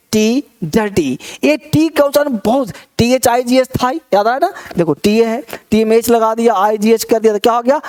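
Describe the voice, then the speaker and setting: A man's voice: very high-pitched, darkish tone. A man teaching an online spoken-English lesson, reading word lists aloud and asking the class rhetorical questions to check they follow. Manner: encouraging, repeats key points.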